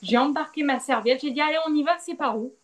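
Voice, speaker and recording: Animated young woman telling a story. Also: fast talker, poor audio. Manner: animated, acts out quoted dialogue with big pitch swings. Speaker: guest. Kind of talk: candid storytelling about childbirth.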